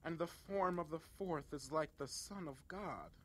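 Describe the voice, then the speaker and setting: A man's voice: a little high, measured pace, dry recording, voice pushed up. A man playing a proud, hot-tempered king in a dramatic scripture audio reading, declaiming imperiously and stretching words for emphasis. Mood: loud amazement. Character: proud, furious, booming king of Babylon, given to decrees.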